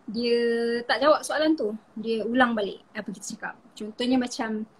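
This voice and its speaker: A woman's voice: on the high side, moderate pace, a little hiss or hum. A Malaysian woman explaining things in a casual live interview, chatty and full of fillers, mixing in English words.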